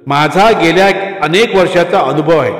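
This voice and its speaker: A man's voice: a little high, normal speed, lightly acted. A man voicing a strict middle-aged male schoolteacher who gives stern classroom orders. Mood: instructing. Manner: stern, scolding classroom commands. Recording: echoey room with long reverb.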